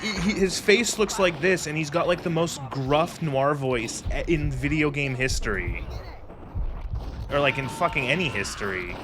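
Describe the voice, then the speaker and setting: A man's voice: fairly high pitch, lively intonation, normal speed, noisy background. A man giving casual, rambling, sweary commentary as he streams a video game.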